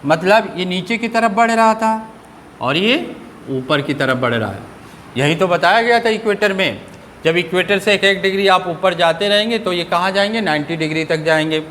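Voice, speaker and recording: A man teaching a school class, asking questions and answering them himself in a lower voice, and reading English lines out slowly. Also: animated, fairly bright tone, long reverb tail, slight background noise. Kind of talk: classroom lecture.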